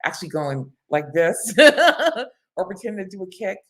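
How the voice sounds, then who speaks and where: A woman's voice: mid-range voice, very animated, measured pace, a bit bright. A woman book coach hosting live writing sprints in a casual, chatty way, laughing often and reading viewer comments aloud. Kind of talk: casual live-stream chat.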